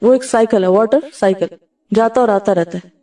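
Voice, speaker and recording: Woman scholar, sermon delivery, mellow tone, mic at a distance. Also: medium pitch, normal speed. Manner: asks the audience questions and answers them herself; recites Arabic verses and hadith, then explains them. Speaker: Islamic scholar giving a religious talk.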